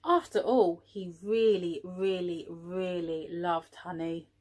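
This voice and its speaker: A woman reading a picture book aloud to young children, expressively, pausing for little asides to the listeners. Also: fairly low pitch, fairly even intonation, a little mellow. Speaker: early years teaching assistant reading a storybook.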